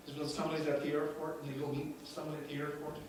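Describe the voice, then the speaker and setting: A man preaching a sermon in a church, moving from easy storytelling to loud, exclaiming praise with the odd laugh. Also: fairly high pitch, completely flat delivery, rapid-fire, slight background noise. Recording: echoey church room, voice from far off.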